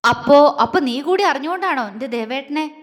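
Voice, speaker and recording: A woman plays a furious young wife in a storybook audio series, hurling accusations. The voice sits high and rings with a long reverb. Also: expressive, a little fast. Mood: fierce. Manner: fierce, shouting accusations.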